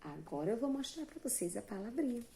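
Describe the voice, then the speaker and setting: A woman's voice: fairly high pitch, very animated, a little fast, creaky, dark tone. A Brazilian woman teaching young children, explaining patiently and spelling out words one syllable at a time. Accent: Brazilian Portuguese. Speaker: primary school teacher. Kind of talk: slow, sing-song online class for young children.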